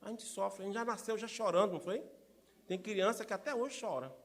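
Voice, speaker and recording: Male pastor, middle-aged, high-pitched, lively sermon delivery with constant rhetorical questions. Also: fairly quick, slight background noise. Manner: animated, rhetorical questions to the congregation. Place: church.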